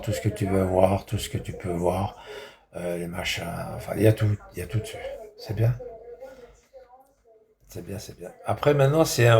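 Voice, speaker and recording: Man, casual vlogger, mellow low tone, rambling and repetitive, slangy. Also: vocal fry. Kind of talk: casual vlog chat.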